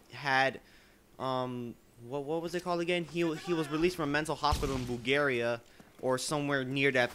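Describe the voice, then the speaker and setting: A man's voice: medium pitch, noisy background. A teenage boy telling a rambling story over gameplay, full of filler words and restarts. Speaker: gameplay commentator.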